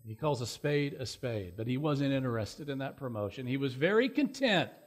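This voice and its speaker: A man preaching a sermon, earnest and plain-spoken, with fillers, who swells louder and higher to stress points. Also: fairly quick. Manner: earnest, loud rising emphasis with many fillers.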